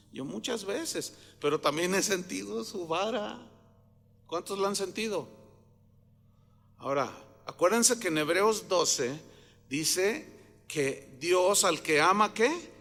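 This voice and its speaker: A man's voice: sits high, expressive, unhurried, vocal fry, fairly bright tone, in a large hall. A man preaching a sermon with emphasis, often putting questions to the congregation. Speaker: pastor.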